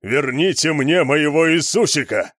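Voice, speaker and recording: A man's voice: fairly high pitch, lively intonation, unhurried, fairly bright tone, no room sound, studio quality, voice pushed up. A man voicing a huge, furious fat cook in a storybook who roars. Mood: enraged. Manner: roaring, furious.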